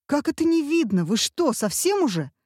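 A woman voicing a nervous, fussy husband who keeps shouting anxious questions, in an audiobook reading. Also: medium pitch, expressive, brisk, dry recording, studio quality, voice pushed up, lightly acted. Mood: agitated. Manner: agitated, nagging questions.

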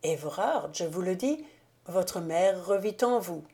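A woman's voice: fairly low pitch, animated, a little slow, dark tone. A woman reading a grave, tender stranger. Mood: earnest, tender.

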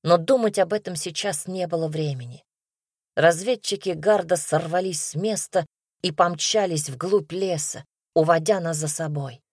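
A woman reading a first-person fantasy audiobook in a steady, expressive way. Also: on the low side, moderate pace, no room sound, studio quality. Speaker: audiobook narrator.

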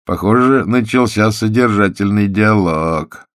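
A man voicing a cool-headed male rescuer who speaks with dry irony and calm commands. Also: fairly low pitch, a little slow, no echo, voice pushed up, lightly acted. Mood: wry.

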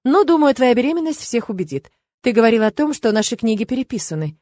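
A woman voicing a confident, teasing young male emperor in an audiobook, with a lively, raised delivery and a wry edge. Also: on the high side, fast, no room sound, pitched above the performer's own voice. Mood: assured, teasing.

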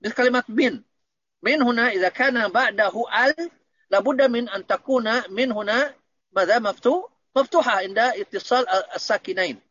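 A man's voice: very high-pitched, fairly quick, fairly bright tone, muffled recording, slight background noise. A man teaching Arabic grammar in an online lesson, patiently explaining and checking that students understand.

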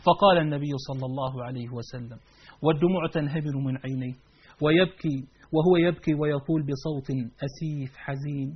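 High-pitched, fast Egyptian preacher. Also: male voice, breathy edge. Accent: Egyptian Arabic. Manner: emphatic, poses rhetorical questions to the audience. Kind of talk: religious lesson. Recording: dull lo-fi recording.

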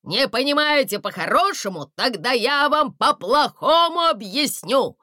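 A woman voicing a small, hot-tempered little man who guards a castle gate, with a squeaky, shrill voice. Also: expressive, a little slow, pushed and bright, no echo, clean studio sound, full character voice. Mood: threatening. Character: squeaky fussy little man, fierce gatekeeper.

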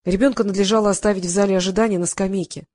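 A man's voice: high voice, fairly even intonation, rapid-fire, darkish tone, dry recording, close to an everyday voice. A woman reading an audiobook, voicing a guilt-ridden middle-aged male psychotherapist who mumbles defensively through his confession. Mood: confessing.

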